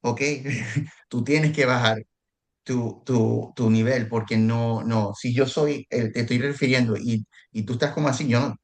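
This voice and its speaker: A man co-hosting an online real estate mastermind, telling anecdotes in a casual, animated way and often repeating words as he restarts. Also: medium pitch, measured pace. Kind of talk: casual group discussion.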